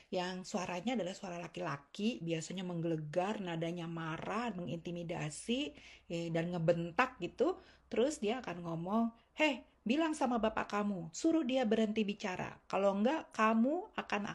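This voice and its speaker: A woman's voice: lowish voice, breathy edge. A woman, telling a personal story in a casual, reflective monologue. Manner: conversational, reflective storytelling with fillers. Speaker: commentator.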